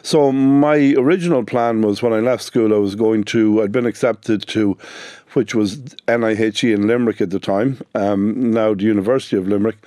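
A man's voice: lowish voice, steady tone, moderate pace, warm tone, dry recording, clean studio sound. A middle-aged man with a west of Ireland accent, telling his own story conversationally as a business owner in a radio interview. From Sligo, west of Ireland.

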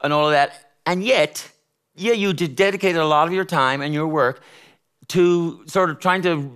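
A man's voice: on the high side, normal speed, fairly bright tone, clean tone. A man with an Irish accent hosting a panel chat in a discursive, teasing, conversational way. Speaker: host.

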